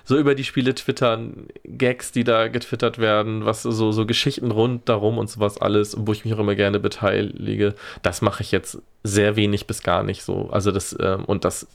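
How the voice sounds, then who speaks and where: A man's voice: lowish voice, level tone, moderate pace, gravelly, few pauses. A man talking casually on a podcast, wry and exasperated, using dry gallows humor. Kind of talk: casual chat.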